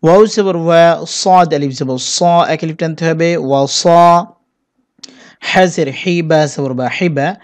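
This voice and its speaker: High-voiced man teaching Quran reading. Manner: slow, drawn-out chanting when reciting whole words; patient, methodical instructions in between. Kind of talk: spelling out Arabic letters and vowels for learners.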